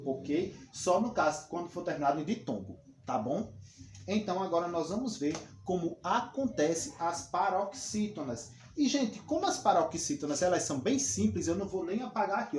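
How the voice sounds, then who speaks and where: A man's voice: high voice, darkish tone. Man teaching in an echoey room. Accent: Brazilian Portuguese. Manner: explains patiently, repeats points, checks with "ok?" and "tá bom?". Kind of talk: recorded classroom lesson. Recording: echoey room with faint noise.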